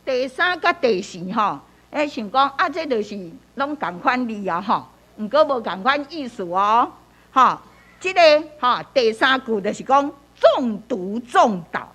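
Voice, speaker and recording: A woman leads a church Bible-reading lesson in a high, bright-pitched voice. Her pitch swings widely as she teaches. She repeats phrases, tags many lines with a soft "hoh", and leans hard on key words when reading verses aloud. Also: big pitch swings, a little slow, husky. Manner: repetitive, peppers speech with "hoh"; reads scripture aloud with emphasis.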